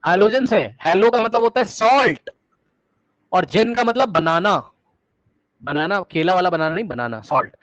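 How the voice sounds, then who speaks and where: A male teacher giving a live online class lecture, energetic, repeating words rapidly to prod his students and coaxing them with questions. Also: high voice, dry recording. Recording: dull, dry online-class audio.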